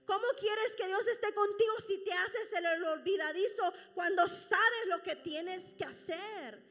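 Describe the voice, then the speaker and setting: A woman preaching a sermon, emotional and near tears, rising to loud impassioned preaching. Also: extremely high pitch, a little slow. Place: church hall. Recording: reverberant church hall.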